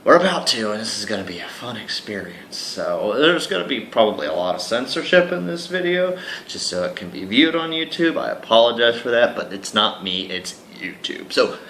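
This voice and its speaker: A man's voice: lowish voice, normal speed, echoey room, slight background noise, poor audio. A man hosting a let's play, reading a visual novel aloud and chatting with viewers between lines. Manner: chatty, animated, asides to viewers. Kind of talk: casual game commentary with dramatic reading.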